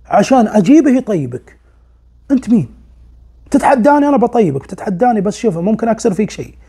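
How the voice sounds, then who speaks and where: An arrogant, defiant jinn , put on by a male storyteller, with a raised, fast voice full of scorn. The sound is gravelly and dark, with a breathy, husky edge. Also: sits high, big pitch swings, exaggerated voice. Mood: taunting. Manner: taunting, challenging.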